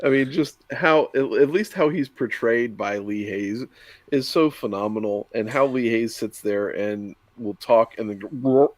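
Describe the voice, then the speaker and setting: A man's voice: medium pitch, unhurried, no echo. A man on a book discussion livestream, talking enthusiastically and laughing between remarks. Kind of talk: casual livestream chat.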